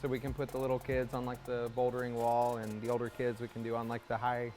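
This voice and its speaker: Man, parent interview, relaxed, very flat pitch, faint music behind. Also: quick pace. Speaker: parent of climbing kids.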